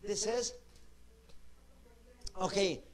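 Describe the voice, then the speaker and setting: A man's voice: sits high, very slow. A middle-aged man teaching children a Bible lesson as their pastor. He keeps asking questions and repeats them, coaxing the class to answer, in non-native English with a heavy accent.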